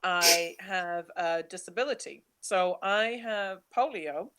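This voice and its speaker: A young woman from Nigeria, speaking, gives a chatty, animated webinar talk about her travels while slides are changed. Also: lowish voice, slow pace, noisy background. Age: young adult. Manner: chatty, animated, laughs easily.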